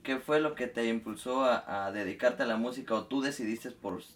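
A man's voice: mid-range voice, normal speed. Man, friendly host, upbeat, casual interview.

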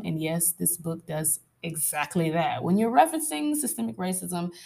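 A woman with a sultry voice hosting a casual, candid solo podcast, conversational and expressive, drawing out words for emphasis. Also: lowish voice, gravelly. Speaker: podcast host.

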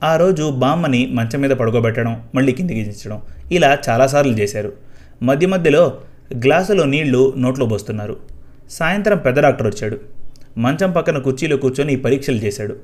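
A man narrating a first-person story in a quiet, even storytelling way. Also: medium pitch, brisk.

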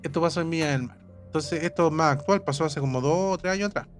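A man with a Chilean accent spins a story in a loose, casual chat, circling back and repeating himself with plenty of slang. His voice sits a little high, and faint music plays underneath. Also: fast. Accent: Chilean Spanish. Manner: rambling, repeats words, heavy slang.

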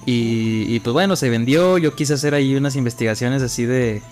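A man's voice: medium pitch, normal speed, faint music behind. Mexican man telling a spooky family story. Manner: animated storyteller, acts out quotes. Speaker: podcast co-host. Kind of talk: casual chat, storytelling.

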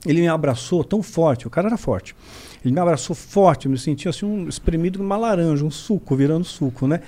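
A man, a podcast guest telling a story in a lively way. He acts out the dialogue and tags nearly every sentence with a quick question. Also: fairly high pitch. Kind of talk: storytelling in a casual podcast chat.

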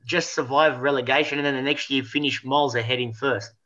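A man weighing in on football in a casual panel chat, measured and agreeable. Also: mid-range voice, fairly even intonation, pushed and bright, dull audio.

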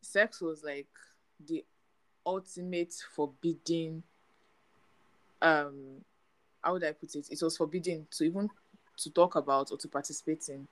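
A woman's voice: low-pitched, fairly even intonation, measured pace, long pauses, poor audio. A young woman co-hosting a casual podcast chat, talking in a chatty, storytelling way. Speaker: podcast co-host.

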